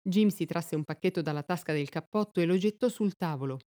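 A woman narrating a story aloud in a measured, expressive audiobook reading. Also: lowish voice.

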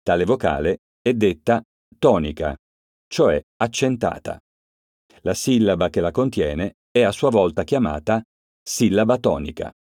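A man reads a scripted language lesson in a low-pitched, unhurried voice. He sounds out each example word clearly and deliberately. The recording is dry and close, with no room around him. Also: animated, a little mellow, no room sound. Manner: slow, clear, deliberate reading of example words. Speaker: grammar lesson narrator. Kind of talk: scripted educational narration.

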